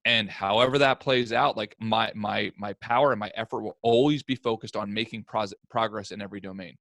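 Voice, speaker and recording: A man's voice: fairly low pitch, fairly even intonation, fairly quick, gravelly, fairly bright tone, dry recording. A man hosting a podcast, talking in a casual, earnest and emphatic way. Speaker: podcast host.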